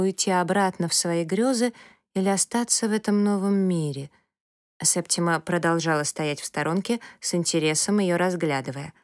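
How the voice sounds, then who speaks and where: A woman narrating a children's storybook in a calm, even way. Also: on the low side, no room sound, clean studio sound. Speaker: audiobook narrator.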